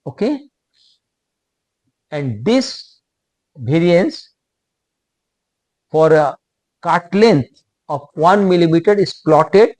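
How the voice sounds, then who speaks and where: A man with an Indian English accent giving a technical lecture, speaking in short halting phrases and repeating himself. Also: a little high, lively intonation, a little mellow, no echo.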